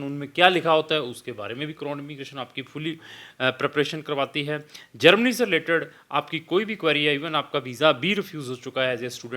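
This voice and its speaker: A man speaking as an immigration consultant in an advisory video for students. He explains steadily, mixes in English phrases and often pauses on "uh". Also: fairly high pitch, bright, forceful tone.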